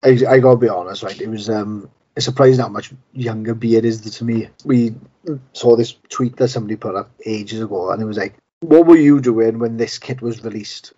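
Laid-back man, husky lo-fi. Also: lowish voice, brisk, dark tone. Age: middle-aged. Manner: laid-back, swears casually, laughs often. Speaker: podcast co-host. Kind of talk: casual chat. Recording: dull lo-fi sound.

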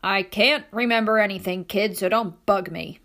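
A woman voicing a crabby old male war veteran who barks his words gruffly. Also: medium pitch, normal speed, fairly bright tone, lightly acted. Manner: barking, gruff.

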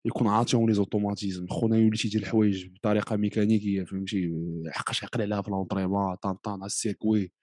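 A man's voice: fairly low pitch, little pitch movement, rapid-fire, warm tone, no room sound. A man with a Moroccan accent in a casual football discussion, explaining his points and mixing in French phrases.

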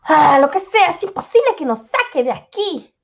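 A woman's voice: very high voice, big pitch swings, normal speed, exaggerated voice. A woman voicing a despairing young boy sidekick in a radio drama, full of plaintive exclamations, on a dull recording.

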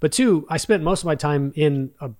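A man's voice: fairly high pitch, moderate pace, a little mellow. A man with a light Texas accent, telling stories in a casual podcast chat as a guest. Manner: chatty storyteller. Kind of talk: casual conversation.

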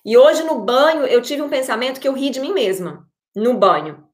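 A Brazilian woman giving an energetic, expressive motivational talk to her audience as an online creator. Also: high-pitched, moderate pace, reverberant.

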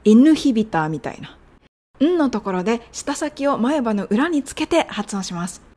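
A young woman hosts a casual lesson on pronouncing medical English terms. Her voice sits a little high, and she chats in a friendly way. She slows down to drill each sound for her listeners. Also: big pitch swings, darkish tone. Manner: friendly, chatty coaching, drilling sounds slowly. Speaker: English pronunciation teacher.

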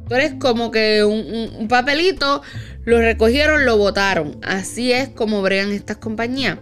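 A woman tells a story from her own life in a loose, chatty way. Her voice sits a little high, and she slips into the voices of the people she quotes. Soft music plays faintly behind her. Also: moderate pace. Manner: animated, acts out quoted dialogue. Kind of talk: casual storytelling chat.

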